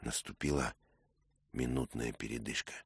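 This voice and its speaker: A man narrating a story in a measured, dramatic way. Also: a bass voice, slightly rough, no echo. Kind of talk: scripted narration.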